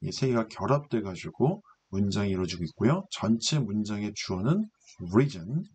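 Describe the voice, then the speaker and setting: A man's voice: fairly low pitch, lively intonation, moderate pace, darkish tone, a little hiss or hum. A man lecturing on English grammar and vocabulary, explaining patiently and asking and answering his own questions. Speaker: English reading teacher.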